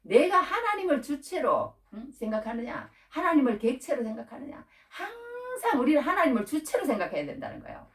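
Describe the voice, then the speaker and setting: A woman preaching a Bible-teaching sermon, animated and full of rhetorical questions, acting out quoted prayers. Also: sits high, brisk, few pauses, far from the mic. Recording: echoey room, voice from off-mic.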